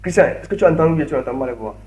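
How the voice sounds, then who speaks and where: A man's voice: on the high side, lively intonation, racing, a crowd in the background. Man talking through screen-share tutorial. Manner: narrates each click step by step, repeats words. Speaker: online course trainer.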